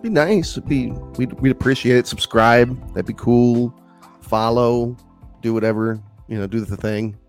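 A man's voice: medium pitch, normal speed, faint music behind. A man co-hosting a movie podcast while sick and congested, laid-back and joking. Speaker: podcast co-host. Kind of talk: casual chat.

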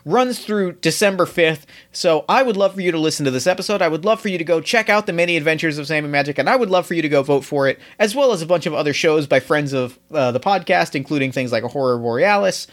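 A man's voice: fairly high pitch, expressive, quick pace, few pauses. A man hosting a podcast, talking in an enthusiastic, effusive and informal way as he introduces the show. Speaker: podcast host. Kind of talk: casual podcast introduction and interview.

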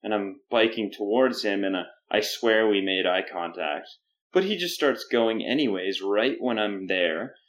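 Very low male voice, canadian guy, young adult, lively anecdote teller, chuckles a lot. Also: a little slow, highs cut off. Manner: animated storyteller, laughs often, jumps into quoted voices. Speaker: podcast guest. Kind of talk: casual storytelling interview.

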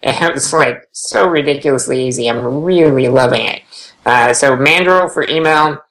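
A man's voice: medium pitch, normal speed, creaky, a bit bright, poor audio. Matter-of-fact man on a podcast. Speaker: podcast panelist. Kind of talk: casual podcast chat.

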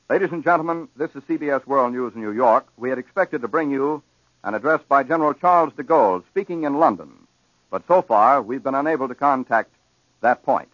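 A man reading the news as a network announcer in a measured, formal style, heard as an old 1940s radio broadcast. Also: medium pitch, fairly bright tone, no room sound. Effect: old 1940s radio broadcast, archival newsreel sound. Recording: dull lo-fi 1940s radio recording, dry.

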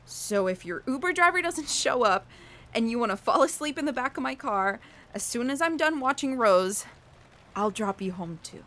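An actress in an audio drama plays an earnest, lonely, self-deprecating young woman, delivering a confessional monologue and dialogue in a confiding mood. Her voice is a little high and bright, with a forceful tone, lively intonation and normal speed.

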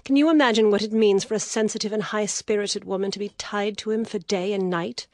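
A woman voicing a weary, proud young noblewoman in an audiobook, speaking in a hushed, whispery way. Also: medium pitch, moderate pace, no echo, clean studio sound, pitched above the performer's own voice. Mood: indignant. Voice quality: breathy, whispery. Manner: hushed and tired, rising to bitter outrage. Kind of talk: audiobook character voice.

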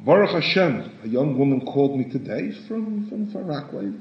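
A man giving a sermon in a halting way, often repeating words and rising in pitch for emphasis. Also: big pitch swings. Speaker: rabbi. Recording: echoey room, dull lo-fi sound.

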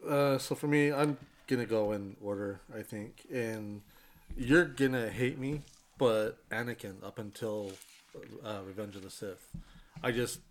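A man's voice: on the low side, a little slow. A man co-hosting a casual podcast chat, laid-back and hesitant, often trailing off with ums. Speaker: podcast co-host.

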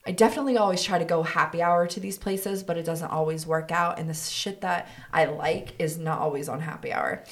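A young adult woman co-hosting a casual podcast, animated and full of fillers as she chats. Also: on the low side, brisk, hardly any pauses. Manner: animated, bubbly, lots of fillers. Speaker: podcast co-host. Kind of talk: casual chat.

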